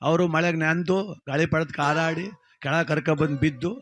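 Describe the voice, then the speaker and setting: Lively high-voiced Kannada comic storyteller. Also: male voice, normal speed. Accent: rural Karnataka Kannada. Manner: animated, acts out characters with sudden high shouts. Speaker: comedy storyteller.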